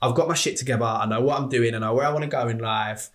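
A man's voice: mid-range voice, fast talker. Candid man in his thirties. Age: 30s. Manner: candid, swears freely, animated storyteller. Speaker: podcast guest. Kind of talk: casual chat.

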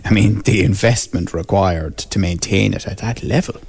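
A man's voice: sits low, moderate pace, creaky, a little mellow, husky. An Irish man presenting live radio in a conversational style, introducing and interviewing guests.

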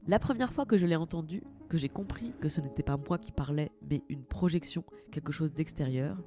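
A woman hosting a personal podcast, speaking directly to the listener in a lively, self-mocking way. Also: sits low, fairly quick, soft background music. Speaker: podcast host.

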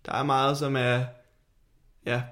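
A man's voice: medium pitch, flat delivery, a bit bright. A man, chatting casually as a podcast co-host. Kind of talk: casual chat.

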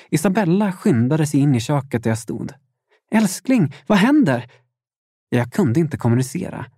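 A young adult man reading his own memoir aloud as first-person audiobook narration, steady with dramatic emphasis. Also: mid-range voice, dry recording, studio quality.

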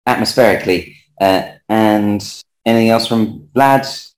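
A man narrating as game master of a tabletop game, relaxed and chatty with frequent hesitations. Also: fairly low pitch, measured pace, echoey room, low-quality recording.

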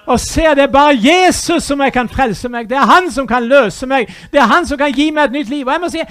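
A man preaching a fervent sermon, dropping to a hush and then rising to loud, urgent appeals. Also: extremely high pitch, no echo.

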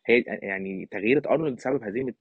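A fairly low, breathy-edged voice fires off casual yet emphatic football analysis in Egyptian Arabic. He is an opinionated Egyptian podcast guest, heard on a thin, phone-like line with a slightly roomy sound.

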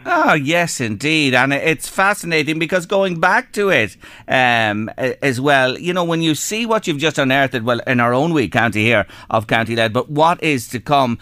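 Radio host: Irish man, bright forward tone, chatty interviewing style, dry studio sound. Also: mid-range voice, expressive, moderate pace, no room sound.

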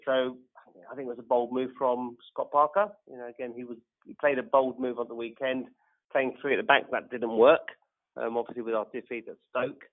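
Over a narrow, phone-like line, a man gives his take as a football fan guest. His commentary is unscripted and stop-start, with words repeated as he thinks, in a mid-pitched voice. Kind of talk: unscripted post-match commentary. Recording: tinny, phone-like call.

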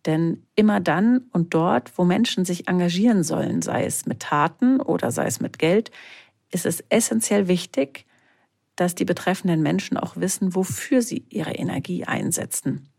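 A podcast co-host explaining a topic in a measured, slightly formal way. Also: medium pitch, creaky, a little mellow.

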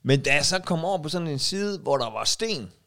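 A man co-hosting a casual podcast, telling halting anecdotes with many fillers and swearing. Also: on the high side, animated, a bit bright. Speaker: podcast co-host. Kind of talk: casual chat.

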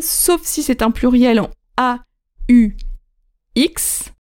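A woman hosting a language-learning podcast, teaching pronunciation slowly and clearly, repeating key points and checking in with the listener. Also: fairly high pitch, warm tone. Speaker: podcast host and French teacher. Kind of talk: slow, clear teaching talk.

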